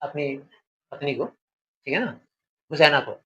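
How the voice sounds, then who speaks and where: Male teacher explaining a story, a bit high. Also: a little slow, fairly bright tone, muffled recording, slight background noise. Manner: explains by paraphrasing and asking rhetorical questions. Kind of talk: explaining a literature lesson.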